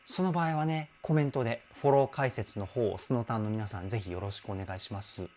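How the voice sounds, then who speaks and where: A man's voice: mid-range voice, a little fast, darkish tone, faint music behind. A man working as a vocal trainer, chatting enthusiastically in a casual commentary, with hums and interjections. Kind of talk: casual music analysis commentary.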